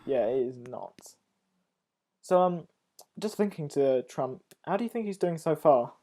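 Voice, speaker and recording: A man's voice: a little high, lively intonation, a little slow, dark tone. A man hosting a casual interview, often stumbling and repeating his words. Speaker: host.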